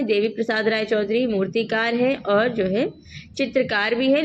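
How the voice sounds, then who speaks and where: A woman with a slightly high voice, heavy from a cold, teaches an exam revision lesson. She reads each question, says it again, then gives the answer. The recording is muffled and lo-fi, with faint noise underneath. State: has a cold, voice heavier. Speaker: art exam tutor. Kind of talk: one-liner quiz revision lesson.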